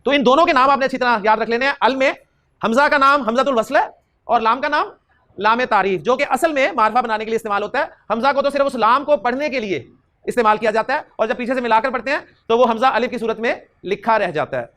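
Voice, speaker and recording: A man teaching Arabic grammar in a classroom lecture, quizzing his students and slowly repeating key terms. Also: very high voice, sharp tone. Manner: questions students and drills answers back.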